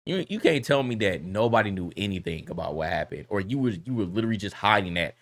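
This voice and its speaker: Male reaction host, casual and heated, blunt slang, lowish voice. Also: expressive, quick pace.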